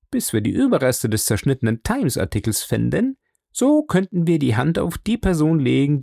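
A man's voice: on the high side, gravelly, warm tone, no echo, clean studio sound, pitched above the performer's own voice, heavily acted. A man reading an audiobook, voicing a keen male detective who asks pointed, probing questions. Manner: pointed, inquisitive questions, lifted emphasis.

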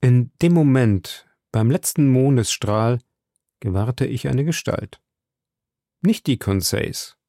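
A man giving scripted audiobook narration in a measured, dramatic first-person manner. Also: medium pitch, expressive, dark tone, no echo, clean studio sound.

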